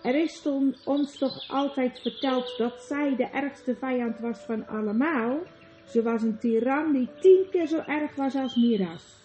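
A woman's voice: high voice, unhurried, dark tone, roomy sound, soft background music, rough recording. A woman voicing an earnest young king who speaks with indignant command. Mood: shocked.

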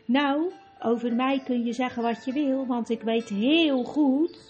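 A woman's voice: sits high, measured pace, darkish tone, lo-fi sound, soft background music. A woman doing a stammering, fussy dwarf. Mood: hesitant. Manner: hesitant, stammering, apologetic. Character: fussy hesitant male dwarf.

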